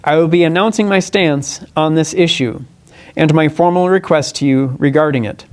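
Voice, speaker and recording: A congressional candidate gives a formal statement at a press conference, partly reading it aloud. His voice is a little high for a man. He speaks earnestly and deliberately, now and then stumbling and correcting himself.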